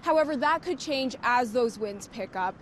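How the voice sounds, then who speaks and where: A woman's voice: on the high side, lively intonation, normal speed. A woman with a Canadian accent delivering a scripted television news report as a reporter. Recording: faint vehicle noise behind.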